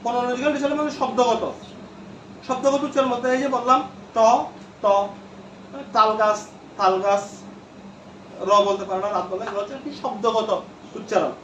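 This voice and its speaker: Man teaching a class, high voice, keeps asking the room questions, roomy classroom sound from far off. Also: fairly even intonation, fast, fairly bright tone, a little hiss or hum. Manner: repeats terms and quizzes the class. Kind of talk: classroom lecture.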